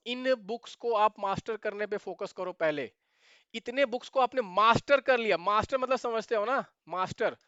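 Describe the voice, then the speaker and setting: Emphatic high-voiced male exam mentor. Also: fairly bright tone, clean tone, no room sound, muffled recording. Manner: emphatic, repeats points for stress. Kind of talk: direct-to-camera advice video.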